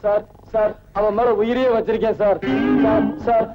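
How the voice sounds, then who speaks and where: A man's voice: high-pitched, steady tone, moderate pace, close to an everyday voice. A man playing a frantic, wailing husband. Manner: wailing and pleading. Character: frantic, weepy comic husband. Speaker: husband searching for his wife. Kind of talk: 1980s film comedy acting. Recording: muffled old film soundtrack with music.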